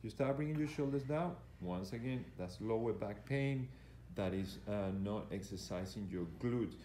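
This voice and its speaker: A fitness coach in an indoor gym commentates live as exercises are demonstrated, explaining them in a hesitant, repetitive, instructional way. He films on a handheld camera he operates himself, and his fairly low, mellow, moderately paced voice sounds echoey with faint background noise.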